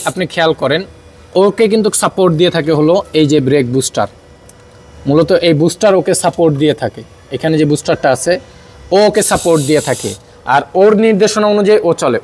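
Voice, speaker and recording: In a workshop demonstration, a man with a Bangladeshi accent describes a car problem as he works on it, his speech full of filler sounds. He talks fast in a fairly high voice with lively intonation.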